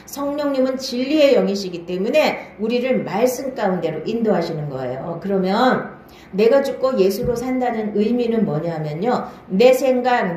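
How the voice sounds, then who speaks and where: A woman's voice: a little high, darkish tone, slight background noise. A woman pastor preaching a Bible-study sermon in a church hall, often asking the listeners questions and checking they follow. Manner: marks each new point with a short "now then".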